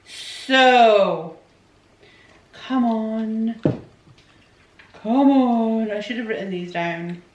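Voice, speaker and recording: A Scottish-raised woman in her forties, a vlogger, answers viewer questions from a room at home in a casual Q&A, rambling, chatting and interrupting herself. Her voice sits on the high side and moves very slowly with frequent pauses. The echoey recording is made from a distance, with slight background noise.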